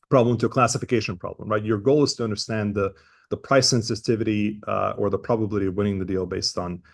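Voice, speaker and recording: A man with an Eastern European accent explains material as a webinar presenter. His voice sits fairly low and is heavily creaky. He talks informally and hesitantly, often tagging points with a checking "right?".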